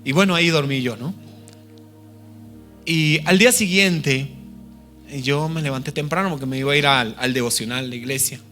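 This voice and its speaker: A man's voice: medium pitch, moderate pace, long pauses, pushed and bright, soft background music. A man preaching a sermon, telling a personal story in an earnest, personal way and often checking in with his listeners. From Peru. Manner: earnest, personal, frequent tag questions. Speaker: missionary preacher.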